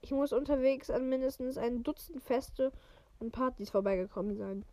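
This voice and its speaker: A woman reading the lines of a gentle, kindly old male wizard headmaster in her own voice, with small slips. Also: high-pitched, moderate pace, dry recording. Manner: read in her own voice, stumbling over words.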